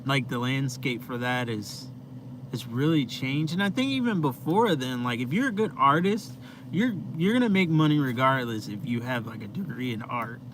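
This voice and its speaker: A young man hosts a casual live stream from inside his van, chatting with viewers in a laid-back, rambling way full of fillers. His voice is medium-pitched, expressive, and moderately paced, with noisy vehicle ambience in the background.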